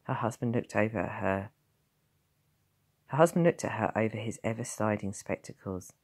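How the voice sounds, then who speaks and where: A woman's voice: rumbling low, animated, moderate pace, a little mellow. A woman teacher reading a novel aloud, narrating expressively and voicing each character. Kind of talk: storybook narration.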